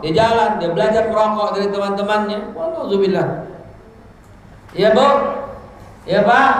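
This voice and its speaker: A man preaching a lively sermon to parents, acting out parents and children and mixing in Arabic phrases. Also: sits high. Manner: animated, acts out parents and children, sings snatches, quotes Arabic. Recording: echoey hall with faint noise.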